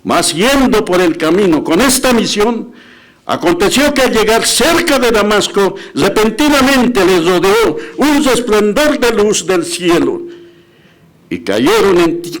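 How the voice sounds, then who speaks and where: A male pastor preaching a sermon, retelling scripture with emphatic rises and dramatic quoted voices, with frequent restarts. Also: high voice. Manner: restarts and self-corrections.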